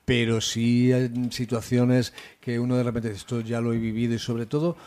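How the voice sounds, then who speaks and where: A man's voice: medium pitch, flat delivery, moderate pace, a little mellow, clean tone. A man from hosting a radio show, chatting casually in a jokey, teasing way into a studio microphone.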